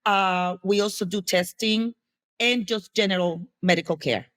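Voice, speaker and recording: Casting: Puerto Rican woman, Spanish as first language, interview guest, halting delivery full of ums and restarts, dry sound. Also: medium pitch, a bit bright, no room sound. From Puerto Rico. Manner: hesitant, many fillers and restarts. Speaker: guest, HIV educator. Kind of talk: casual interview answers.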